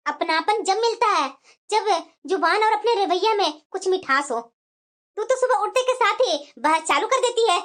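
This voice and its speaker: A woman voicing a sharp-tongued, bossy mother-in-law in a cartoon, speaking in a mocking, scolding tone. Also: very high-pitched, lively intonation, normal speed. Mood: taunting. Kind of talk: cartoon voice acting.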